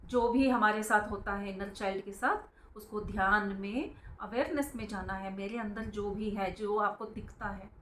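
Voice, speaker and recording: A woman's voice: mid-range voice, steady tone, moderate pace, a bit bright, a little hiss or hum. A woman gives an informal spiritual talk, explaining earnestly, calling her listeners friends and acting out how parents scold their children. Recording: roomy, echoing sound.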